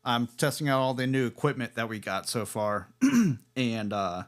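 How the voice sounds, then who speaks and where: A man's voice: medium pitch, moderate pace. A man hosting a casual livestream equipment test, rambling and chuckling as he corrects himself. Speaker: livestream host.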